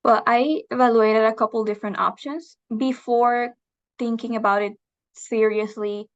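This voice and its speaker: A young woman from Venezuela, a guest in a video interview, answering thoughtfully with hesitant filler pauses. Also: a little high, fairly even intonation. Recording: slightly dull lo-fi sound.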